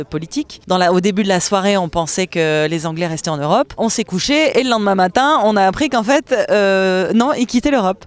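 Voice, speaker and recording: A stage actress from France speaking in an interview, enthusiastic and expressive, laughing often between thoughts. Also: female voice, mid-range voice, smooth.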